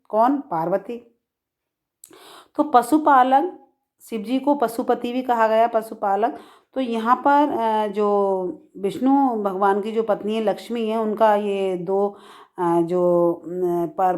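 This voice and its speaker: A middle-aged woman teaching Hindi grammar, explaining deliberately, repeating key phrases and reciting verse examples higher and louder. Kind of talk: grammar lesson.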